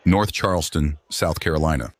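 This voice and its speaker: A man's voice: extremely low pitch, normal speed. A man narrating a video from a script.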